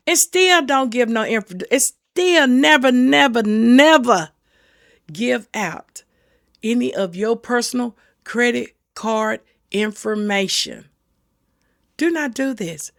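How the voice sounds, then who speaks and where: Earnest gravelly-voiced woman giving advice. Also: on the high side, expressive, measured pace, a bit bright, no echo, studio quality. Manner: earnest, repeats warnings, folksy phrasing. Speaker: senior safety channel host. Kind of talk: casual advice talk to camera.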